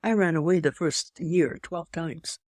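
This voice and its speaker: Unhurried and darkish in tone, this low voice comes through clean studio sound without echo. The speaker, a European woman in her eighties with a slight French accent, rambles through personal stories of her life as an interview guest, with restarts and emphatic asides.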